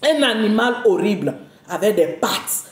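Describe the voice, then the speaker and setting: A woman preacher giving a lively, repetitive spoken testimony to a congregation, full of exclamations. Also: medium pitch, a little slow, reverberant. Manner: animated, repetitive, storytelling with exclamations.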